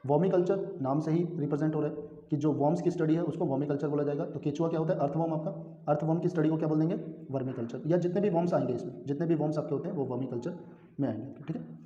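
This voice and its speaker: A male teacher races through an exam-prep lecture, asking questions and answering them himself while often checking in with students with "theek hai." His voice is a little high and warm, recorded in an echoey room with dull, lo-fi sound.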